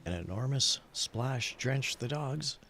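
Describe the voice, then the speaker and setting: During a casual gaming stream with a story readalong, the male host rambles and describes his own actions, often repeating himself. His medium-pitched voice is expressive, slow, bright, and pushed. Faint music plays behind, and background noise is clearly audible.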